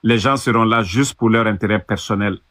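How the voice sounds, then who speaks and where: A man from Guinea speaking earnestly on a political panel, often halting and restarting his sentences. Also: on the low side, fairly bright tone. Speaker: panel guest.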